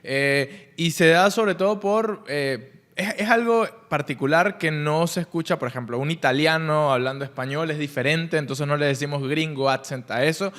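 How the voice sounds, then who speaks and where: A man cohosting a language podcast, explaining things in a calm, casual way. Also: fairly high pitch, moderate pace. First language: Spanish.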